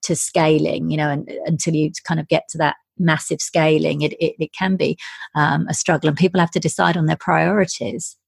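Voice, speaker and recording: A woman's voice: low voice, flat delivery, a little fast, gravelly, breathy edge, dry recording. A woman hosting a conversational interview in an effusive, affirming way. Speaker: podcast interviewer.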